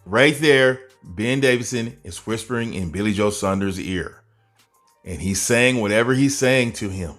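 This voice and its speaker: A man commentating over a boxing video in an animated way, full of rhetorical questions and chuckling asides. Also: on the low side, moderate pace, soft background music.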